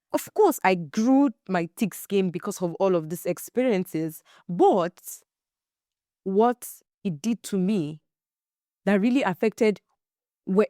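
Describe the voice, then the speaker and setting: A young adult woman hosting a faith-based podcast, telling stories in a casual, animated way and acting out the quotes. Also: mid-range voice, no room sound, clean studio sound. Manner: animated storyteller, acts out quotes, emphatic repeats. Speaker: podcast host.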